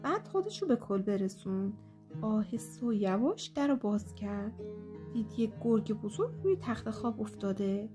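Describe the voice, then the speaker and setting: A woman narrating a children's fairy tale in a lively, expressive storytelling manner. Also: medium pitch. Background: soft guitar music.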